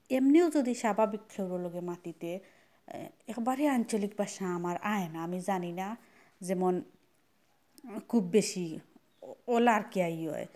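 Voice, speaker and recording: A woman's voice: mid-range voice, darkish tone. Woman with a Sylheti accent. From Sylhet, Bangladesh. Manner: mixes regional dialect with standard speech. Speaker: vlogger. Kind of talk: casual chat to camera.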